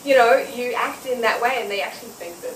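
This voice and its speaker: A woman's voice: a little high, fast talker. A young woman with a New Zealand accent, chatting as a cosplayer guest in an interview, bubbly and laughing often. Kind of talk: casual interview chat. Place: outdoor public gardens. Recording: roomy, distant outdoor mic with noise.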